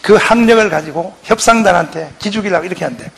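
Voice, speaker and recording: A man, a pastor giving an impassioned public lecture, who shouts often and fires rhetorical questions at his audience. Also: high-pitched, expressive, fast talker, gravelly, slightly rough.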